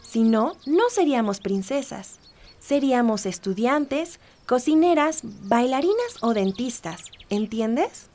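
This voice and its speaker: A woman's voice: on the high side, sing-song, slow, darkish tone. A woman playing a sweet, obedient young cartoon princess in a children's audio story. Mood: prim, explaining.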